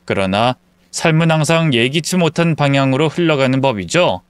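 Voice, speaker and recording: A male storyteller reads a first-person account in a calm, confiding way. His voice is smooth and moves a lot in pitch, with a dry, close sound. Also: normal speed, dry recording.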